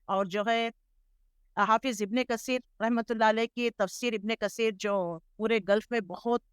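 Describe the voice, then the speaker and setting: Middle-aged woman from Hyderabad, interview guest, earnest measured storyteller, smooth clear voice, dry close sound. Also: a little high, steady tone, no room sound. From Hyderabad, India. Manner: measured, earnest storytelling with English words mixed in. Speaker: interview guest, Islamic scholar. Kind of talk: reflective life-story interview.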